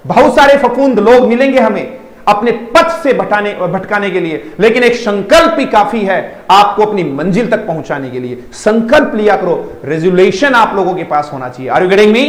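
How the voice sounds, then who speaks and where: An Indian man with a high voice teaches English vocabulary to students in an echoey room. He mixes in Hindi, slows down to spell out and repeat words, and keeps asking "are you getting me?". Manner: addresses students affectionately as dear children. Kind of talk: online class lecture.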